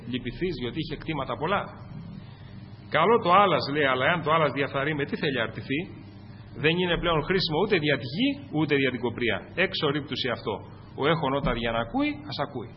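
A Greek man preaching a fervent sermon to his congregation, rising to loud peaks and dropping to low asides. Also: a little hiss or hum. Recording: muffled, echoing church recording.

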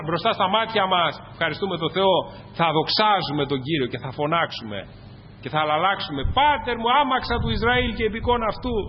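A man's voice: sits high, a little hiss or hum. A man preaching a sermon to his congregation, fervent and rising to cries on key phrases. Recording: dull lo-fi recording in a large reverberant hall.

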